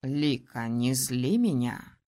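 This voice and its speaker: A woman voicing a young male ruler in an audiobook, teasing and domineering, speaking low, slow and calm. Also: full character voice. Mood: stern. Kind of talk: audiobook character voice.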